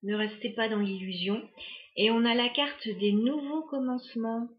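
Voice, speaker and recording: A woman giving a casual tarot reading to her viewers, musing and hesitant with many pauses and fillers. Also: a little high, roomy sound, highs cut off. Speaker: tarot card reader.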